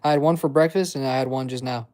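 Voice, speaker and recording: A man in his twenties hosts a casual livestream, reading chat and rambling in slang stuffed with fillers. His mid-range voice is fast, steady, clean, and on the darker side.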